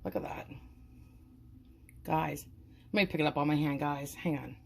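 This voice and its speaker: A woman's voice: low-pitched, normal speed, gravelly, a little hiss or hum. A woman hosting a casual home cooking video, talking enthusiastically to her viewers and repeating words of praise as she explains each step.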